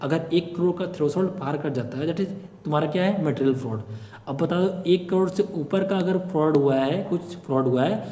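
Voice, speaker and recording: This government-exam tutor speaks briskly in a higher-than-average voice with a dark tone. He walks through the material step by step during a casual screen-share lecture, stopping often to check understanding and drawing on everyday examples, all recorded in an echoey room with long reverb.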